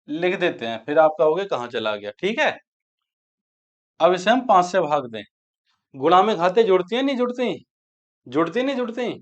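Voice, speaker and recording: A man teaching a maths lesson for exam preparation. He asks his students questions, answers them himself, and repeats key steps aloud while he writes. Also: high voice. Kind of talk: exam-prep maths lecture. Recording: dull lo-fi sound.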